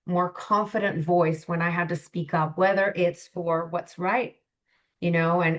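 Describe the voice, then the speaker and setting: Earnest woman, lowish voice. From Canada. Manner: reflective, earnest, many "you know" fillers. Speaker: guest, life coach. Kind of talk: podcast interview.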